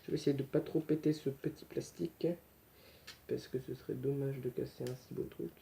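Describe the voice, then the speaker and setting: A man's voice: medium pitch, level tone, fairly quick, creaky, warm tone, slight background noise. A young man talking casually through an unboxing, chatty and self-correcting, muttering to himself as he handles things. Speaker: unboxing vlogger.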